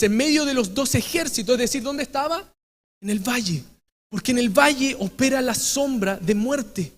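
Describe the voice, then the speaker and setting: High-voiced Chilean man preaching in a reverberant hall. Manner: dramatic swings from hushed to shouted emphasis. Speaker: pastor. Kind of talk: sermon. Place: church hall. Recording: long reverb of a church hall.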